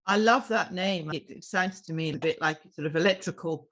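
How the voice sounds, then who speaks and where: A woman's voice: lowish voice, fairly quick, a bit bright. A woman hosting a podcast interview, speaking in a friendly, encouraging way with brief affirmations. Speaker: podcast host.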